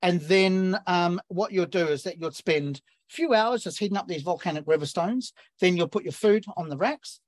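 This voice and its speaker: A man's voice: high-pitched, normal speed, few pauses, no room sound. A man from New Zealand, a barbecue chef, chatting casually and explaining cooking step by step with plenty of fillers. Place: outdoors at a barbecue.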